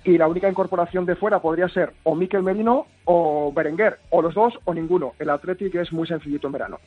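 Guy on a crackly phone line reading off signings fast, thin phone sound. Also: on the high side, slightly rough. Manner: rattles off lists of names quickly. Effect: tinny, crackly phone line. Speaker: phoned-in football reporter. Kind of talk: quick radio sports report. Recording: tinny phone line with faint music.

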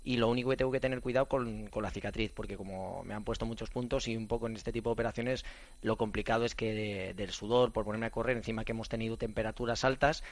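A middle-aged man from Spain, a former athlete and running coach, chatting on a radio show in an animated, storytelling way with lots of fillers and restarts. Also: lowish voice, quick pace. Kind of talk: casual radio chat.

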